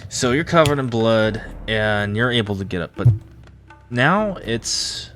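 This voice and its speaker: A man running a tabletop game as game master, narrating the action and getting excited at big rolls. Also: on the low side, measured pace. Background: background music.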